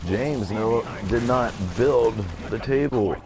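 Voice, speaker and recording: A man's voice: mid-range voice, slow pace, creaky, background noise. A man in his thirties streaming a game live, chatting and rambling to his viewers as he plays. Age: 30s. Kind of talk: casual live gameplay commentary.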